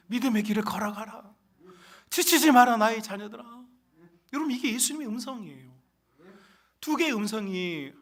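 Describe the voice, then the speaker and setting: A male pastor preaching a sermon in a church sanctuary. He keeps calling out to the congregation and swings sharply between soft and loud. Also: sits high.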